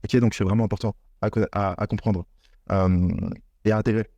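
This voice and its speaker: A man's voice: on the low side, fairly even intonation, fairly quick, mellow, no room sound, muffled recording. A man giving a motivational talk on business mindset straight to the viewer, earnest and repetitive. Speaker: online business coach. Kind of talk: direct-to-camera motivational talk.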